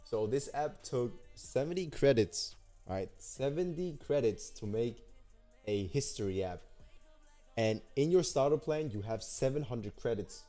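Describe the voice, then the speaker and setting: Over soft music, a young man from Denmark demos an app builder on a livestream, his medium-pitched, mellow voice lively yet measured. He's hyped and slangy, addressing viewers and saying things over and over.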